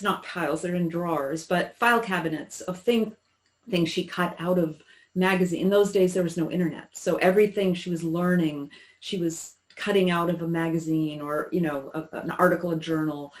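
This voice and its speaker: A woman in her sixties recalling her childhood in an interview, talking in a halting, reflective way with many restarts. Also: fairly low pitch, low-quality recording. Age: 60s. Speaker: interview guest. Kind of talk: personal recollection in conversation.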